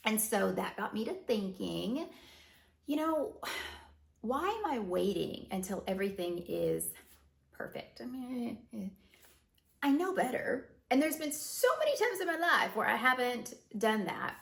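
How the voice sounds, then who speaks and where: Woman host, loose chatty talk, slightly gravelly, roomy office sound. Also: a little high, very animated, a little slow. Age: adult with teenage daughter. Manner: rambling, chatty, laughs often. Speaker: podcast host. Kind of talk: unscripted casual monologue. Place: home office with windows.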